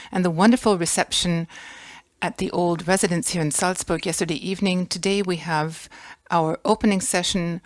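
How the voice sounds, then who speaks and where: Woman hosting a conference, low-ish voice, formal and gracious, pretty dry sound. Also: no echo. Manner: gracious, formal, listing guests with pauses. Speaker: conference host. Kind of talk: formal welcome speech. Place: conference hall.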